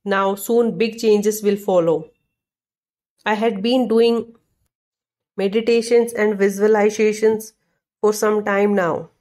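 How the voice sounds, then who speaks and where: A woman's voice: mid-range voice, steady tone, slow, pauses often, darkish tone. A woman reads a scripted romantic message of sweet nothings to a sweetheart in a tender, affectionate manner.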